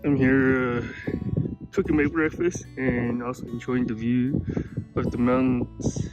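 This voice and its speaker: A man giving a casual, halting vlog update, thinking aloud outdoors on a backpacking trip. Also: mid-range voice, flat delivery, lo-fi sound, over loud music. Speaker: solo backpacker filming a vlog. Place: outdoors in the mountains.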